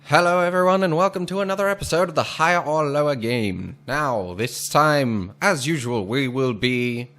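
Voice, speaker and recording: A man's voice: a little high, moderate pace, hardly any pauses, fairly bright tone, lightly acted. A man playing a pompous 1940s radio announcer, speaking in a formal, wordy, theatrical old radio style. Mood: grandly formal.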